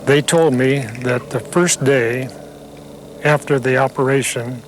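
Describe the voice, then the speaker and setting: A man, a heart surgery patient, recalling his recovery in a plain-spoken, unhurried way, heard from an old VHS tape transfer. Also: medium pitch, slight background noise, poor audio. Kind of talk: recalling his own recovery in a casual interview clip.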